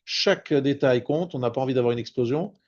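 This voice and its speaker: A man, a rabbi, teaching a spoken Torah lesson, explaining patiently and slowing down on Hebrew terms. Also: mid-range voice, darkish tone, dull audio. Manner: explanatory, repeats and restarts words, stresses Hebrew terms slowly.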